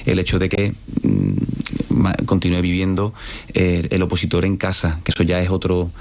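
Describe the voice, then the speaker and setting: A man who trains exam candidates at an academy, explaining in a measured way on a panel. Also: deep voice, vocal fry, darkish tone. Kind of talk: panel discussion.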